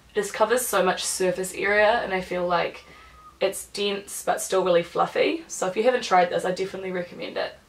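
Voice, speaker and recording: A woman's voice: medium pitch, fairly quick, rough recording. Chatty New woman with a stuffy nose. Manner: chatty, rambling, self-deprecating asides. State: nasal from a cold. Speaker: beauty vlogger. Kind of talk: chatty get-ready-with-me vlog.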